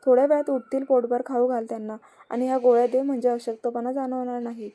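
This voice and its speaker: Calm male doctor, matter-of-fact, reassuring, read by a woman, mellow, level delivery. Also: a little high, fast, natural voice.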